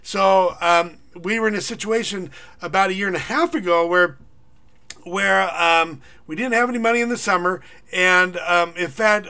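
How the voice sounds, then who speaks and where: A middle-aged man with a high, bright voice walks viewers through a money-making pitch. He rambles and hesitates, full of uhs and restarts. He rattles off long lists of payment figures. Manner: rambling, filler-heavy, reads figures off in a quick list. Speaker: online income marketer and teacher. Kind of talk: casual screen-recorded pitch.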